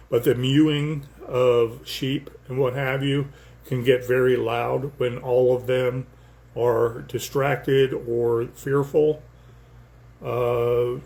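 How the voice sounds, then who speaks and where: An older man with a gravelly, creaky voice talks slowly through his own poem. He rambles and thinks aloud, pausing on fillers as he explains his word choices in a casual, unhurried way. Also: mid-range voice, a little mellow.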